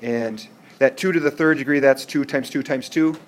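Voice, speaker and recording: A man teaches a math lesson in an ordinary, mid-pitched voice. He walks through each step patiently and keeps asking whether the class follows. Faint room noise sits behind him. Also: normal speed. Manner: patient, checks in with students often. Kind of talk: classroom lecture.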